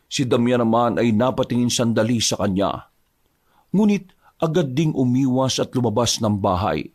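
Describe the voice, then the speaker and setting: A man narrates a scripted horror story in a measured, steady manner. His voice sits at a middle pitch for a man.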